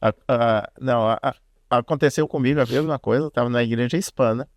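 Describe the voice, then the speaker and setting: Brazilian host guy, mid pitch, dry close mic, easygoing. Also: fairly quick, dry recording. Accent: Brazilian Portuguese. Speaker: podcast host. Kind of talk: casual interview chat.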